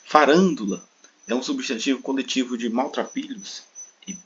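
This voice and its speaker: A man's voice: medium pitch, animated, moderate pace, highs cut off, slight background noise. A Brazilian man teaching an online Portuguese grammar lesson, explaining step by step with frequent tag questions and stretched stressed syllables. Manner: stretches stressed syllables when giving examples.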